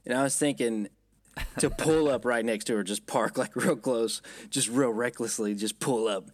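A man's voice: mid-range voice, normal speed, dry recording. Joking young man, dry close sound. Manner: rambling, joking, swearing. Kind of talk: casual chat.

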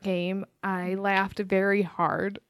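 A woman's voice: mid-range voice, little pitch movement, takes it slowly, clear, resonant tone, dry recording, clean studio sound. A woman co-hosting a podcast, telling stories and running a quiz game with lots of laughing. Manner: giggly, storytelling. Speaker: podcast co-host, game runner. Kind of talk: casual chat.

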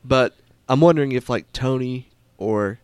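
A man's voice: mid-range voice, a little slow, a little mellow, clean tone, dry recording. A man musing about movie theories in a casual chat, thoughtful and hedging.

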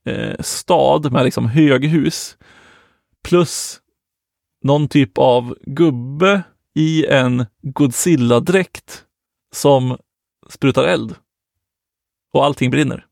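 A man's voice: mid-range voice, gravelly, pauses often, a little mellow, no echo, clean studio sound. A man co-hosting a podcast in casual chat, easygoing and laughing often. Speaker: podcast co-host.

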